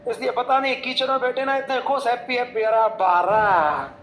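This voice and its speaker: A young man with a rather high voice, a coaching teacher, spins chatty, jokey stories for his students. His talk is full of quoted back-and-forth dialogue. The room has a noticeable echo and some faint background noise. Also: level tone, quick pace, fairly bright tone. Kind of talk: motivational storytelling to students.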